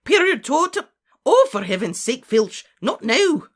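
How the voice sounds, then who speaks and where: An audiobook narrator voicing a stern, commanding woman professor of witchcraft, crisp and imperious, in a storybook reading. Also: medium pitch, very animated, a little fast, a bit bright, voice pushed up. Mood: exasperated, commanding.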